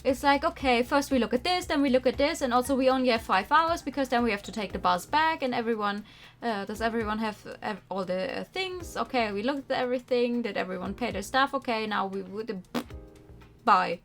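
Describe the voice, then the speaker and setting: Soft game music underlies this young woman's stream as she reads a visual novel aloud and drifts into informal chatter. Her slightly high voice moves fairly quickly, animated and prone to rambling asides.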